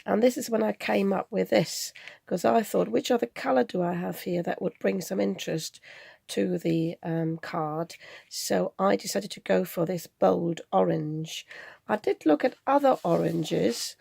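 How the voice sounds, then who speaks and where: A woman with a croaky, cold-roughened voice that sounds very gravelly and husky. She chats through a crafting tutorial, thinking aloud as she goes. Her tone is dark and mellow, recorded close and dry. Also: medium pitch, a little slow, no room sound. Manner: chatty, thinks aloud while working. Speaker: card-making channel host.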